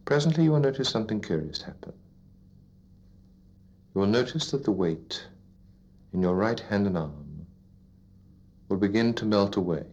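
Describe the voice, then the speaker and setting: A man guiding a listener into sleep as a hypnotist, in a soothing, repetitive, deliberate narration with pauses, like a sleep story narrator. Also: lowish voice, animated, a little mellow, a little hiss or hum. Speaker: hypnotist leading a relaxation induction. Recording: dull lo-fi recording.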